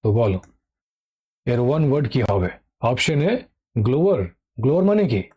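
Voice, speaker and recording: A man's voice: medium pitch, very animated, a little fast, dark tone, slightly rough. A middle-aged man teaching English vocabulary for exam prep in an online lesson, speaking with a Bengali accent. He is patient and repeats key words, often checking with "ঠিক আছে?".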